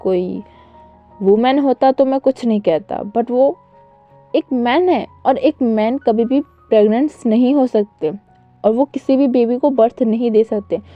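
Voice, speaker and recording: A scheming older man who argues his case persuasively and wheedles, as a woman narrator puts him on. The delivery sits fairly high and sounds muffled and dry. Faint music runs behind it. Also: unhurried, no room sound, close to an everyday voice.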